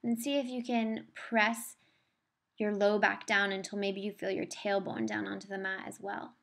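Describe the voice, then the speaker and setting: Female yoga instructor, mid-pitched voice, soothing and encouraging delivery for guided movement and breathing. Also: level tone, moderate pace, gravelly, a bit bright. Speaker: yoga teacher.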